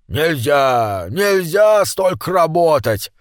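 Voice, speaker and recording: A man's voice: a little high, big pitch swings, slow, no echo, studio quality, faint music behind. A man doing a sly, drawling old uncle. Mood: teasing. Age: older.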